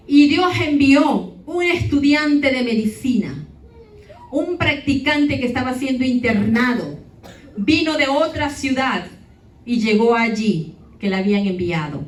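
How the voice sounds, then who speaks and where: A woman giving an emotional testimony to her congregation, speaking directly to the listeners. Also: fairly high pitch. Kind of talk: testimony sermon. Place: church hall. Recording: echoey church hall, far off, faint ambience.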